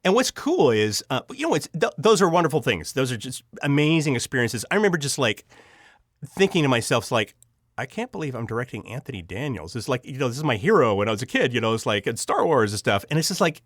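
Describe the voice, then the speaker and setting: A man of medium pitch speaks fast in a sing-song way, recorded clean and dry in a studio. As an interview guest, this audio drama writer and director tells anecdotes with gushing enthusiasm, acting out the dialogue.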